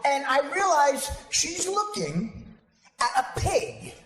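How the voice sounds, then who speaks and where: A male comedian spins a profane, self-mocking tale for a live crowd. His voice sits high and leaps all over the place. The sound rings with long hall reverb over a steady bed of noise. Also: slow pace. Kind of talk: stand-up storytelling to a live audience. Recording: echoey hall with background noise.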